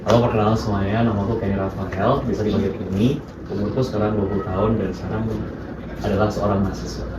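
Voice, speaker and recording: A woman putting on the voice of a young male student of twenty in a role-played focus group, speaking in a low, matter-of-fact way. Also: fairly even intonation, quick pace. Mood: plain. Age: 20s. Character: young male college student, plain and easygoing. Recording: echoey room, far from mic, loud background noise.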